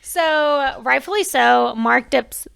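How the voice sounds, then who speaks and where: Creaky-voiced woman telling a true crime story. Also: high voice, takes it slowly, fairly bright tone, dry recording, clean studio sound. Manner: laughs while telling, swears casually, acts out quotes. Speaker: podcast co-host.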